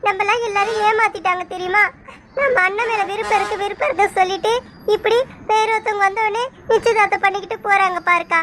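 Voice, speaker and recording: A woman's voice: extremely high pitch, steady tone, fast, a crowd in the background. A woman voicing a feisty young village girl who complains bluntly in a cartoon. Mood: accusing.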